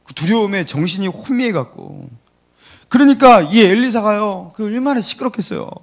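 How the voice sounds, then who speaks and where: Male pastor, lively storytelling sermon, high and expressive delivery. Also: normal speed, creaky. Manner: animated storytelling, asks the congregation questions. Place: church.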